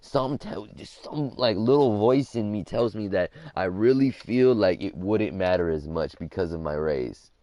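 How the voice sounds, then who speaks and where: A man's voice: lowish voice, expressive, measured pace, few pauses, mellow, no echo. A young man on a game livestream, telling a story in a rambling way, full of "like" and "you know what I mean". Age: young adult. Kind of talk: casual storytelling while streaming a game.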